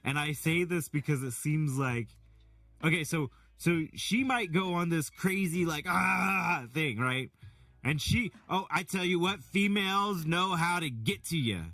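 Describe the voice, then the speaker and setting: A middle-aged man chatting casually while reading out chat, rambling and animated with many restarts. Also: on the high side, measured pace, no room sound, far from the mic. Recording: from the mic, faint music behind.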